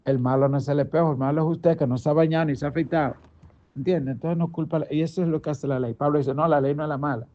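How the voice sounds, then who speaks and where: A man's voice: fairly high pitch, steady tone, fast. A middle-aged man, a pastor preaching a daily devotional in an emphatic, conversational way, full of rhetorical questions. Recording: dull lo-fi recording.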